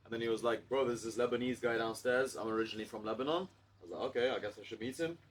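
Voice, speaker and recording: A man's voice: mid-range voice, fast, a little hiss or hum. A man speaking as a guest on a podcast, fluent and confident as he tells stories. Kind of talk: casual chat.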